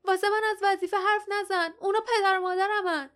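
A woman's voice: high-pitched, steady tone, clean tone, faint music behind. A woman reading the lines of a grieving, hot-tempered young male hero in an audiobook, in an urgent, strained way. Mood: angry.

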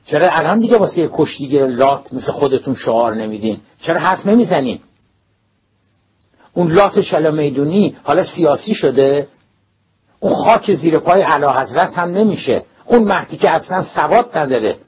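A man's voice: medium pitch, fairly even intonation, pauses often, breathy edge, pitched above the performer's own voice. A man doing a furious bellowing school principal. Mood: furious shouting. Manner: shouting, scolding, threatening. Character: furious middle-aged male school principal. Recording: dull lo-fi recording, faint hiss.

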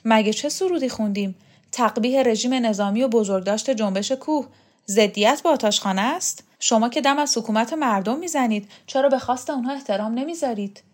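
A woman's voice: fairly high pitch, voice pushed up, close to an everyday voice. A woman voicing a defiant young woman who questions officials indignantly.

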